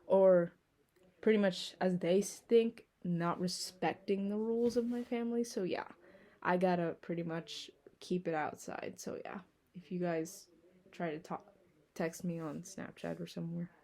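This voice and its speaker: A woman's voice: on the low side, fairly even intonation, measured pace, dark tone. A sleepy young woman vlogging casually, rambling with lots of fillers and yawns. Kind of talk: casual vlog talk.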